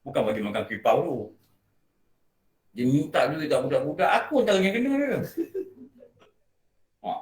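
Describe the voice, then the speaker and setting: A Malaysian Malay–accented religious teacher speaks in a fairly high, sing-song voice with a darkish tone, taking long pauses at a normal speed. He is giving a conversational morning lecture in a prayer hall and regularly asks the audience questions.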